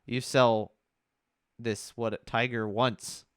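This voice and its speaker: A man's voice: mid-range voice, flat delivery, slow pace, a bit bright, smooth, dry recording. A man co-hosting a design podcast, chatting casually with wry, dry humor. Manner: wry, dryly joking. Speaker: podcast co-host. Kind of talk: casual chat.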